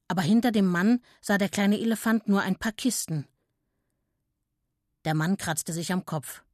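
Storybook narrator, woman, gentle and clear, dry studio voice. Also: mid-range voice, measured pace, no echo. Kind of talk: children's storybook reading.

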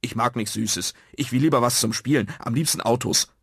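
A man's voice: mid-range voice, brisk, a bit bright, husky, dry recording, clean studio sound. A man voicing a stubborn, sulky little boy in a children's storybook, pouty and insistent. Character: stubborn sulky little boy who loves toy cars.

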